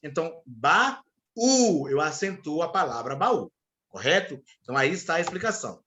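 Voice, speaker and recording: Teaching a live online class, a man with a Brazilian Portuguese accent explains rules step by step and checks in with his students. His voice is on the high side, brisk, bright and forceful, with lively intonation.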